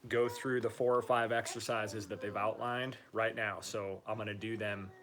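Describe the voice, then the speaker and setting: A man talking informally and upbeat in a casual video diary, using relaxed slang as he gives a personal recovery update. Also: fairly low pitch, normal speed. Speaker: patient giving a recovery update.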